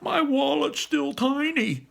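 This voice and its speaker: A man voicing a big, bold, boisterous young elf man in a read-aloud story, with a loud, eager delivery. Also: on the high side, animated, moderate pace, gravelly, slightly rough, pitched above the performer's own voice, exaggerated voice. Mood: dismayed.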